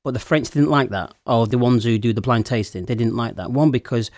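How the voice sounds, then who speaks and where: Male wine expert, enthusiastic explaining, medium pitch, dry close sound. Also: fairly quick, a little mellow, no echo. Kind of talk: casual panel chat.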